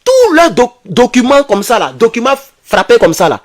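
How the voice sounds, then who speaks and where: A man giving excitable political commentary to his viewers, calling them comrades and asking them questions. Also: very high voice. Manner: reads English then translates haltingly.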